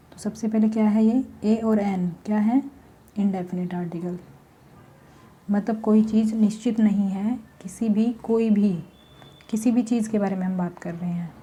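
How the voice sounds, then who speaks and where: Dark-voiced woman teaching grammar. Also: mid-range voice. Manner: slow, explaining step by step with examples. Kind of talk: spoken grammar lesson.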